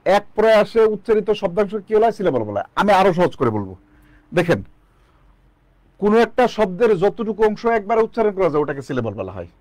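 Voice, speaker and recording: A man's voice: sits high, sing-song, quick pace, a little mellow, dry recording. A man teaching an online English lesson, asking students questions and drilling the answers back. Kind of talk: online lecture.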